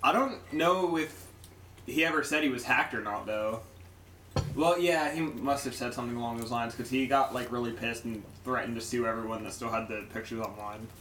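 A young man chatting on a podcast, jokey and animated, his voice jumping up when he makes a point. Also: mid-range voice, normal speed, far from the mic, background noise. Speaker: podcast co-host. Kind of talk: casual crude podcast banter. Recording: echoey room, a bit off-mic.

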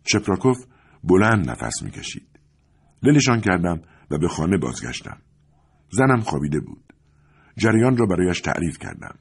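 Deep husky male storyteller. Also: very animated, pauses often. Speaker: narrator. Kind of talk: audiobook reading of a novel.

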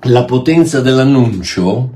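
A male preacher in mid-sermon, delivering his message with fervor. He stumbles over words, repeats them and pushes toward loud, emphatic peaks. His pitch sits in an ordinary middle range. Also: lively intonation, a little slow. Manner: impassioned, repeats and restarts words, rises to near shouts.

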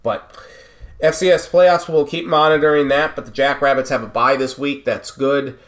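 A man's voice: mid-range voice, steady tone, moderate pace. A man co-hosting a sports podcast, agreeing often and moving the talk along to the next segment. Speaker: podcast co-host. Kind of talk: casual sports chat.

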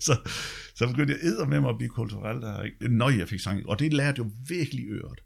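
Man, deep bass voice, gravelly, husky, casual storytelling, chatty, mild swearing. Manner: chatty, tags lines with "ikke?", swears casually. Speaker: guest telling his life story.

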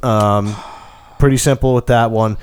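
A man's voice: fairly low pitch, fairly even intonation, a little slow, clear, resonant tone. A man co-hosting a podcast, rambling with restarts while giving recommendations. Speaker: podcast co-host. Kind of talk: casual chat.

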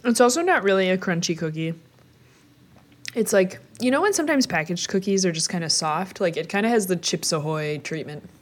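A woman's voice: on the low side, animated, a little fast. A woman co-hosting a podcast in casual chat, rambling and snacking as she talks into a mic with headphones on. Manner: rambling, eats while talking. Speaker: podcast co-host.

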